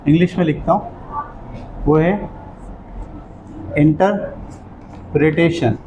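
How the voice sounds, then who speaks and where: A man's voice: on the high side, noisy background. A man giving a classroom lecture, explaining words one by one and often checking that his listeners follow. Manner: explains terms step by step, checks for understanding.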